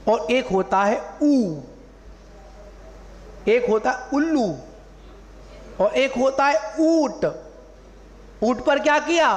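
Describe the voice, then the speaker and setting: High-voiced man preaching slowly in a hall. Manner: teacherly, drawing out syllables to model pronunciation, asks the audience questions. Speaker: Jain monk preacher. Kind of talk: sermon. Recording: long hall reverb, faint room ambience.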